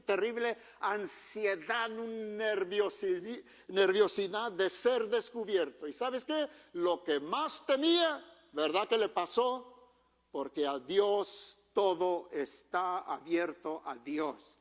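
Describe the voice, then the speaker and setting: A male pastor preaches in a high, light voice. He keeps it conversational, tossing questions to the congregation and mixing in English phrases. His voice rings with long reverb in a church auditorium. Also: animated, slow pace, a bit bright. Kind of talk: bilingual sermon.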